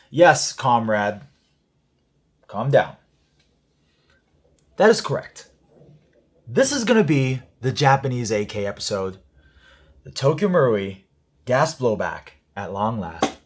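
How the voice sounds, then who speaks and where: A man presenting an airsoft product review in a chatty, jokey way, talking straight to his viewers. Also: medium pitch.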